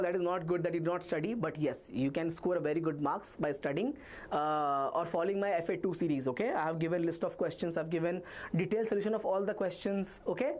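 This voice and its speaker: Reading students' comments aloud and offering reassurance, an Indian-accented man runs a live online maths revision class. His voice sits high and has a darkish tone.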